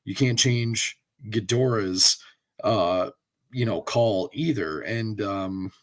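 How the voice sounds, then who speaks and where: Still rough and hoarse from a cold that won't quit, this man co-hosts a casual podcast in a fairly low voice, speaking slowly. His opinions come out in loops, full of fillers and false starts.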